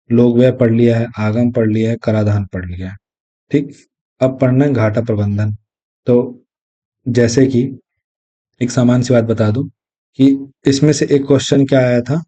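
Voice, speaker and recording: A man teaching an exam lesson, explaining step by step and repeating key terms, reading definitions slowly. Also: mid-range voice, warm tone. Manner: reads English definitions slowly. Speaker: exam tutor. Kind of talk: recorded lecture. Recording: dull lo-fi audio.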